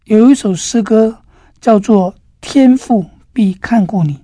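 A woman gives an earnest devotional sermon in a mellow, breathy voice, her tone soft and warm. The sound is close and dry, with no room around it. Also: a little high, slow, no echo. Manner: gentle, earnest storytelling. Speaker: preacher.

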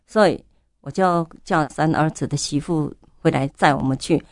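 In this testimony interview, an elderly church elder recounts her story, fervently saying her prayers aloud again and again. She speaks low-pitched at a moderate pace, recorded at studio quality with no echo.

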